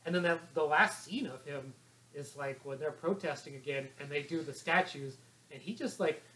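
A man casually discussing a movie with friends, enthusiastic and swearing freely, talking in quick runs. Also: fairly high pitch, sharp tone, low-quality recording. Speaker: podcast co-host.

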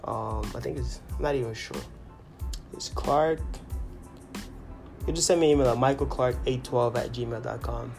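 A man's voice: medium pitch, steady tone, moderate pace, creaky, pauses often, darkish tone. A man speaks as a solo podcast host with little rise and fall in his voice. He is earnest and often rephrases himself. Music plays behind him, and he records with busy city noise outside. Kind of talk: solo motivational podcast monologue. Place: in noisy New York City, street noise outside.

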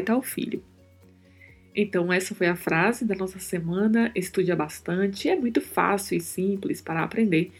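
A woman hosting a language-lesson podcast, explaining meaning and pronunciation slowly and carefully, repeating words as drills. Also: mid-range voice, darkish tone, breathy edge.

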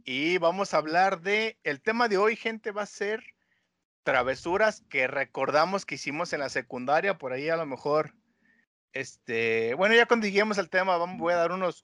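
A man's voice: fairly high pitch, animated, normal speed, a bit bright, dry recording, clean studio sound. A man with a Mexican accent hosting a podcast in casual, slangy banter. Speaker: podcast host.

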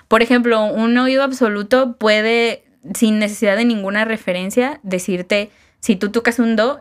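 A woman's voice: mid-range voice, smooth. A woman with a Mexican accent, co-hosting a podcast and patiently explaining music terms with frequent fillers and laughter. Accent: Mexican Spanish. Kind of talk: casual explanatory chat.

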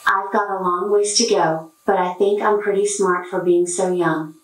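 A synthetic female voice of a humanoid robot, giving even, scripted answers. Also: medium pitch, normal speed, recorded from a distance. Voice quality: synthetic text-to-speech voice. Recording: roomy echo.

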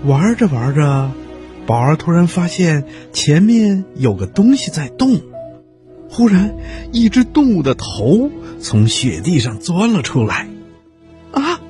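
Expressive male children's storyteller. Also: on the high side, unhurried, soft background music. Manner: gentle and expressive. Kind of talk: children's bedtime story narration.

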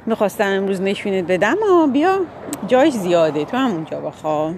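A woman voicing a friendly little mouse who speaks gently and offers help. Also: medium pitch, lively intonation, slight background noise, lightly acted. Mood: kind.

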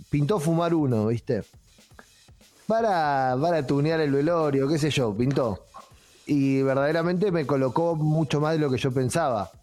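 An Argentine man sits in on a casual talk show and spins long, rambling stories about family gatherings, slipping into laughter along the way. His voice is a touch high for a man, and a faint bed of music runs underneath. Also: darkish tone. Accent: Argentine Rioplatense. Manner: rambling, anecdotal, often breaks into laughter. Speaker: co-host. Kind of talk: casual comedic storytelling.

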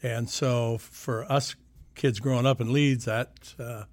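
A retired county sheriff in his sixties from Sioux City, Iowa, guests on a casual interview, reminiscing in an easygoing way and trailing off with fillers. His medium-pitched voice is steady and slow, and the recording is dry.

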